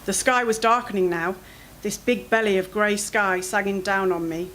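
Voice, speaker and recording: Woman, author reading, first-person fiction, expressive, anxious, mid pitch, faint background noise. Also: normal speed, rough recording. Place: literary event, indoors.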